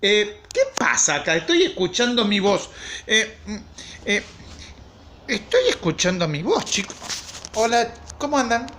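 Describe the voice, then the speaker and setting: Brief: young woman, Argentine accent, primary school teacher giving a playful lesson, very slow and drawn out, lively rise and fall. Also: medium pitch, slight background noise. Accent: Rioplatense Argentine Spanish. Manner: playful and warm with children, stretches words for teaching. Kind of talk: slow, clearly spoken remote lesson for children.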